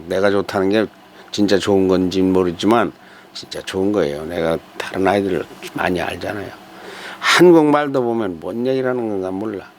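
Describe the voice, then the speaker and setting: An older man hosting a talk, speaking in a folksy, digressive way with hesitant fillers and rhetorical asides. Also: lowish voice. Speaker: host giving a talk on character and family. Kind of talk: rambling spoken commentary.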